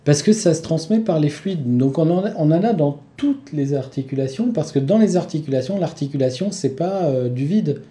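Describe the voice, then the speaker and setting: A man's voice: a little high, lively intonation, normal speed, hardly any pauses, warm tone, reverberant. A male doctor as a radio guest, explaining patiently with small hesitations.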